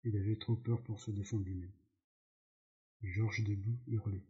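A man reading a novel aloud, slowly, with slips and self-corrections, in a dull lo-fi recording. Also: on the low side, steady tone. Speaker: audiobook narrator.

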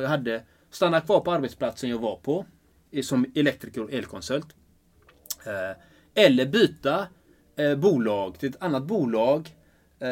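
A man speaking earnestly and enthusiastically as a life purpose coach in a relaxed conversation, often restarting his sentences. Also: medium pitch. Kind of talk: casual conversation.

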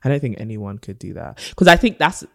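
A man's voice: mid-range voice, sing-song, fairly quick, vocal fry, a bit bright, dry recording, clean studio sound. A man with a London accent and urban slang, chatting casually as a podcast co-host. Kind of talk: casual chat.

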